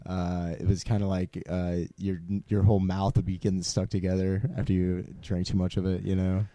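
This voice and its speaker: A man in a casual comedic chat who talks in a hesitant, halting way and plays along dryly. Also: low-pitched, completely flat delivery, mellow, dry recording.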